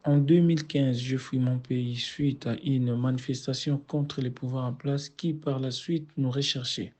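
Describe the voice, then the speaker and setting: A man's voice: medium pitch, fairly even intonation, moderate pace, dark tone. A man with a Congolese accent giving a personal testimony as a guest speaker. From Democratic Republic of Congo. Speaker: guest speaker telling his story.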